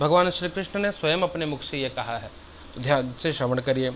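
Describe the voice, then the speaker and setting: A religious teacher with a fairly high-pitched male voice gives a devotional discourse, explaining sacred verses in plain speech. Between explanations he chants Sanskrit verses slowly and loudly, warmly calling his listeners brother. The audio is dull, with a little hiss or hum.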